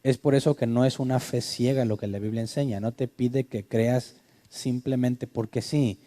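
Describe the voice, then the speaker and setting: A man's voice: medium pitch, steady tone, normal speed, dark tone. A male pastor, teaching a sermon conversationally and asking his listeners questions. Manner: conversational, asks the audience questions.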